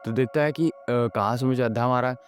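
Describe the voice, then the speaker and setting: Hindi accent guy rambling thru a scary story, mid pitch, faint music underneath. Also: fast talker. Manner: rambling, frequent fillers and self-corrections. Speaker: horror storyteller. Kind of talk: casual spoken storytelling.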